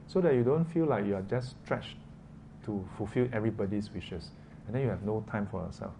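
A man's voice: lowish voice, brisk, mellow. A man with a Singaporean or Malaysian accent teaching a class informally, conversational and often tossing out short questions with local particles. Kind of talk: informal interactive lesson. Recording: clearly noisy room ambience.

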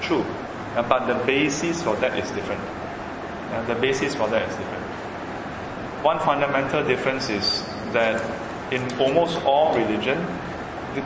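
A man with a Singaporean accent and Singlish phrasing gives an informal Buddhist lecture, speaking haltingly and repeating phrases for emphasis. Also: medium pitch. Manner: Singlish phrasing with frequent yeah and you know tags. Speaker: Buddhist teacher. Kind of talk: informal religious lecture to a class. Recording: echoey hall, loud background noise.

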